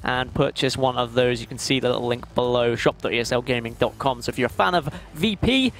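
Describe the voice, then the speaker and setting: Male esports host, quick, casual and jokey. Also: medium pitch, fairly bright tone, slight background noise. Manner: jokey, informal. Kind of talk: casual chatty broadcast hosting.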